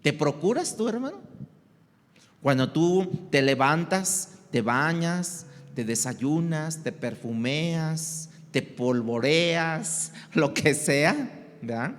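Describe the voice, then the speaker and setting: A man's voice: fairly high pitch, animated, takes it slowly. A man preaching a sermon in a conversational way, asking the congregation rhetorical questions. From Mexico. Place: church hall. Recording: long reverb of a church hall.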